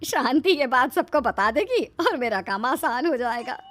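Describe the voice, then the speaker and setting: A woman voicing a spiteful, scheming middle-aged mother-in-law in a cartoon story, with a sharp, scolding manner. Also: high-pitched, expressive, a little slow. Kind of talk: cartoon voice acting.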